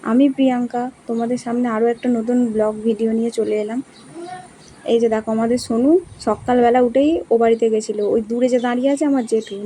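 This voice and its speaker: A woman's voice: fairly high pitch, mellow, a little hiss or hum. Chatty young Bengali woman vlogging. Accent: West Bengal Bengali. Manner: chatty, homely storytelling. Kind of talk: casual vlog narration.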